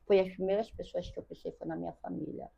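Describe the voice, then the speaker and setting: Older brazilian lady telling her story in an interview, low gravelly voice, kinda husky, dull lo-fi sound. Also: fairly even intonation, quick pace, dark tone. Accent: Brazilian Portuguese. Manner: earnest, repeats phrases, addresses the host by name. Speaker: interview guest. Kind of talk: emotional personal storytelling.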